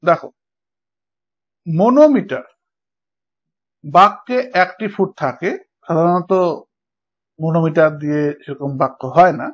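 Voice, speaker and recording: A man's voice: a little high, unhurried, long pauses, slightly rough. A man teaching English verse meter in a Bengali-accented online lecture, patiently explaining and often checking whether his students follow. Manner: patient, checks understanding with frequent "okay?". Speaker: English literature tutor. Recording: dull lo-fi recording.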